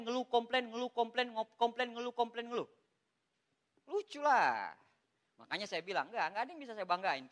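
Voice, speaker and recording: A man giving a lively, joking motivational talk, repeatedly addressing his audience as "Pak". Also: high voice. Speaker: MLM motivational speaker.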